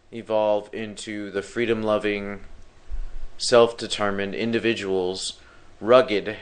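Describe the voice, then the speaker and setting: Hosting a live talk show with his voice partly gone, this podcaster speaks in a smooth, lowish tone. His talk wanders, full of fillers and false starts.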